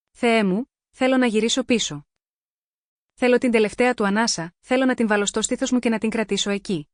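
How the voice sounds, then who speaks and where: A woman's voice: a little high, dry recording, clean studio sound, natural voice. A woman voicing a grieving mother who pleads with her dead child in a mournful lament.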